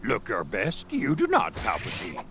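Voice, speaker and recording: Creaky ancient alien master, badly acted. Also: male voice, fairly low pitch, wildly swooping pitch, unhurried, heavily acted. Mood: dry, teasing. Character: tiny ancient wise alien master, tartly teasing. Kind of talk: video game dialogue. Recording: noisy game audio.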